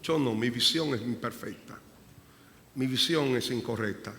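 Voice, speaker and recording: Impassioned pastor preaching in a reverberant church. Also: male voice, medium pitch, normal speed. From Dominican Republic. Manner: passionate preaching, swinging from hushed prayer to loud emphasis; repeats phrases for emphasis. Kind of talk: sermon. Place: church sanctuary. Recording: live church recording with long reverb and faint room noise.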